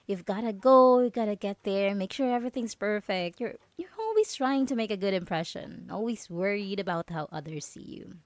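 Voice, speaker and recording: In an ASMR audio drama, a woman plays a possessive yandere roommate, her medium-pitched natural voice captured dry and close. She coaxes in halting phrases, falsely sweet and anxiously controlling, with a nervous innocence and a needling sympathy.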